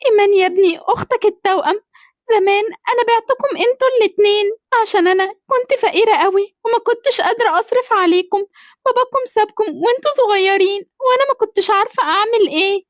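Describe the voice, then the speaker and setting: A woman's voice: extremely high pitch, quick pace, dry recording, studio quality. A woman voicing a poor, guilt-ridden birth mother in an amateur cartoon drama, lamenting and begging. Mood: confessing.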